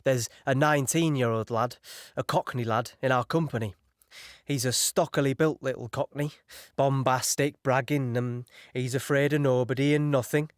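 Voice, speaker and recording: An actor playing a young British signaller recounting a beach landing in an audio drama, halting and shaken. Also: male voice, medium pitch, steady tone, no echo, clean studio sound, close to an everyday voice. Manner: halting, shaken, recalling horror in present tense.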